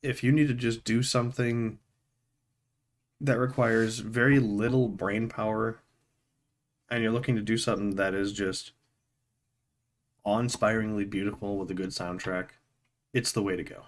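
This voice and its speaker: A man giving a casual, unscripted video game review, rambling conversationally with informal, tongue-in-cheek humor and pausing to find his words. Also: on the low side, fairly even intonation.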